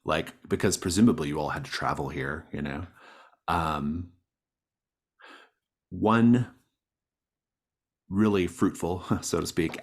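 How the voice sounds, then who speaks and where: Speaking in a husky bass, this game master lays out the rules and world for his players in a relaxed, upbeat way. He responds to their suggestions with warm affirmation.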